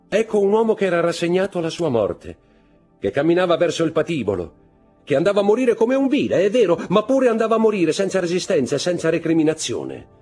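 A man's voice: a little high, darkish tone, slightly rough, pitched above the performer's own voice. A man voicing a cold, bitter aristocratic count who speaks in a sardonic, declaiming manner.

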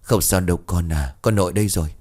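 A man's voice: low voice, fast, darkish tone. A man with a Southern Vietnamese accent voicing an anxious grandmother soothing a child.

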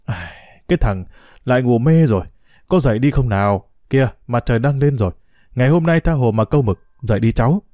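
A jolly old fisherman grandfather, voiced by a man, boasts and teases his grandson with tall tales. The tone is warm and mellow, recorded dry. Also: mid-range voice, animated, brisk, no echo, natural voice. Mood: coaxing. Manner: boastful, teasing.

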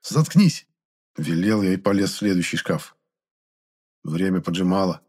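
A man reading a first-person audiobook in a steady storytelling manner. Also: sits low, moderate pace, breathy edge. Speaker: audiobook narrator.

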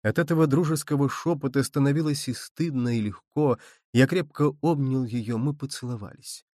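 A man reading a story aloud as an audiobook narrator, measured and even. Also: mid-range voice, no echo, studio quality.

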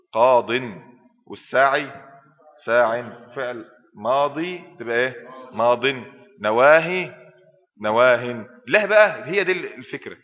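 A man with an Egyptian accent teaches a class as a sheikh, quizzing his students at a brisk pace and prompting them to finish his sentences. His voice is bright and forceful. The dull, lo-fi recording rings with a long hall reverb. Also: mid-range voice. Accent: Egyptian Arabic. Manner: prompts students with questions and fills in answers.

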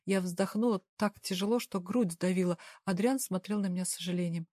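A woman's voice: lowish voice, a little fast, dark tone, no room sound. Woman narrating a tense audiobook, dry. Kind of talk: first-person audiobook narration.

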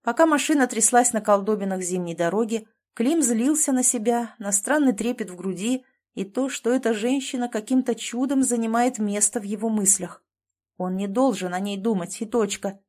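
A woman's voice: on the high side, moderate pace, a little mellow. Woman reading an audiobook. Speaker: audiobook narrator. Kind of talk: scripted audiobook narration.

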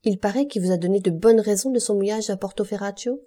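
A woman's voice: mid-range voice, quick pace, warm tone, close to an everyday voice. A woman reading the lines of a sly, envious male ship's officer in an audiobook.

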